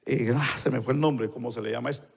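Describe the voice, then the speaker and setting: A male pastor, telling a story in a live sermon and acting out the dialogue in quieter voices. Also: mid-range voice, fairly even intonation, fast, creaky, husky. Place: church hall. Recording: long church-hall reverb.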